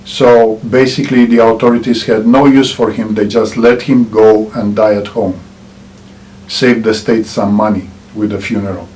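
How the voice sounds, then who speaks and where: A middle-aged man from Romania with a Romanian accent, giving earnest political commentary to camera and pausing often with "uh" and "um". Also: on the low side, fairly even intonation, a little mellow, a little hiss or hum, rough recording. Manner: earnest, with frequent "uh" and "um" pauses. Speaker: channel host.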